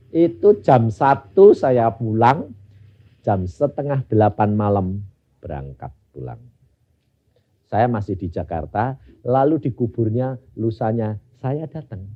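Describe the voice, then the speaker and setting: An older man with a Javanese-inflected Indonesian accent preaching a sermon, telling stories and acting out the dialogue, swinging from loud bursts to near-whispers. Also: medium pitch, muffled recording. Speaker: pastor. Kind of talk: sermon with anecdotes.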